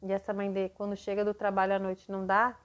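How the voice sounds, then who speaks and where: A woman's voice: mid-range voice, completely flat delivery, fast talker, muffled recording. A woman mentoring parents in a live online session, explaining patiently and acting out what to say to a child.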